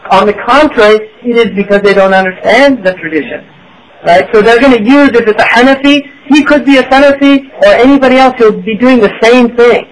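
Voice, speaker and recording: An American Islamic teacher with a very high voice lectures an audience on religion at a fairly quick clip, posing rhetorical questions and checking in with "right?". The audio quality is poor.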